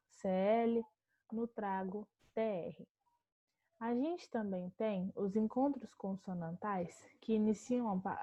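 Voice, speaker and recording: A Brazilian woman teacher with a Brazilian Portuguese accent gives a calm online grammar lesson, explaining step by step and slowing down to spell out words. Her voice is mid-range, and the audio is dull with no echo.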